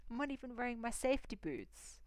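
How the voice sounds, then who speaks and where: A woman's voice: fairly high pitch, sing-song, fast, darkish tone, no room sound. A young woman chatting casually as she plays a video game, often dropping into whispered asides. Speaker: gaming streamer. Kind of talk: casual gameplay commentary.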